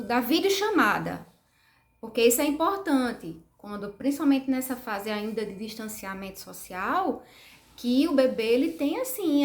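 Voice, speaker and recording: This woman, a speech therapist, walks parents through the material didactically, slowing to emphasize words and frequently asking "tá?" to check they follow. She speaks at a fairly high pitch, recorded in an echoey room.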